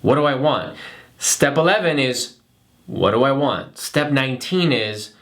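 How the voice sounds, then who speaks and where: A man teaching acting, explaining a method step by step in a clear, instructional way. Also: medium pitch, measured pace. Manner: clear, step-by-step explaining with demonstrated flat robotic line readings. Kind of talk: instructional talk to camera.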